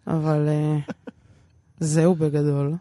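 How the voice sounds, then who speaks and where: A woman's voice: low-pitched, level tone, mellow, no room sound. A woman with an Israeli accent talking casually as an interview guest, in a rambling, self-deprecating, repetitive way. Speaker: stand-up comedian, interview guest.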